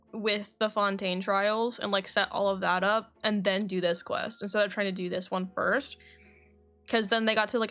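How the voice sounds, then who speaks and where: Speaking at medium pitch with a fairly bright tone, a woman reads a game's dialogue on stream. Her commentary is casual, and she corrects herself while reading.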